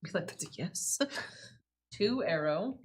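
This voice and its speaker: A woman's voice: lowish voice, lively intonation, a little slow. A woman playing a tabletop game in casual chat, blunt and joking. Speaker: player.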